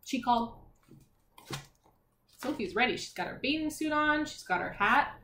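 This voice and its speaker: A woman teacher reads a children's picture book aloud with expression, adding encouraging asides and questions for young listeners. Her voice is high-pitched, bright and forceful, with lively intonation at a moderate pace. The room is echoey with faint noise.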